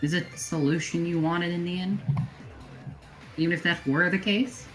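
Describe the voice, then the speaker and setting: Low-voiced lady gm, chill and wry, laughs a lot, bit of music behind. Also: moderate pace. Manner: relaxed, wry, laughs easily. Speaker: game master. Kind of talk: narrating an online role-play.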